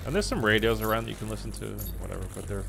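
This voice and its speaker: A man's voice: on the low side, expressive, racing. A man giving rambling, offhand gameplay commentary as a casual streamer. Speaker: gaming streamer. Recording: clear background noise from game.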